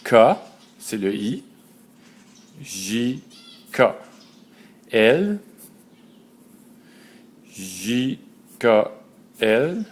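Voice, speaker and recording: A man, slowly and methodically teaching a writing system letter by letter. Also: medium pitch, big pitch swings, slightly rough. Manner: slow and methodical, spelling out letters one by one. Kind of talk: step-by-step lesson.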